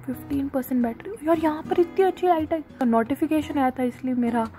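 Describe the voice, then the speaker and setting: Young woman, from India, high voice, rambling late-night vlog, Hindi-English mix, casual swearing, lying on the floor, phone camera, faint guitar music. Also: brisk, warm tone. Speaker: vlogger. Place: lying on the floor indoors at home. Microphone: phone camera up close.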